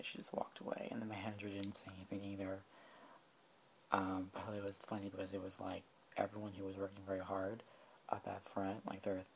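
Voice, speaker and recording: Soft-spoken tipsy man rambling. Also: on the low side, vocal fry, a little hiss or hum. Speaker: ASMR creator. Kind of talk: soft-spoken ASMR storytelling.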